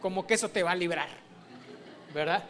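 High-voiced preacher. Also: male voice, a little fast, fairly bright tone. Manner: conversational, rhetorical questions to the congregation. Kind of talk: informal sermon teaching.

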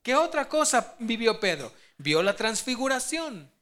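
A preacher delivering a sermon to the congregation with a bright, sharp tone. The story comes out animated, with quoted lines acted out in sudden vivid jumps. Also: mid-range voice, measured pace.

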